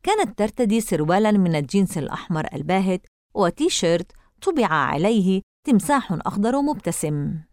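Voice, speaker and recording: A woman narrating an audiobook novel in an expressive, measured reading. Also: medium pitch, dry recording, studio quality.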